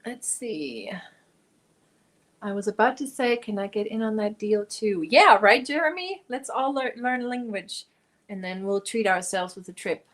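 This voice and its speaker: Her mid-range voice is expressive and fairly bright, and she keeps a measured pace. The German woman crochets on a casual livestream, chatting, voicing viewer comments aloud, and muttering as she counts stitches.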